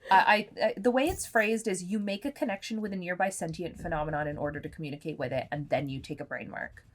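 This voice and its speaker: Lower-pitched woman playing a tabletop game. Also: quick pace. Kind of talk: casual in-game table talk. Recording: music behind the voice. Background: music.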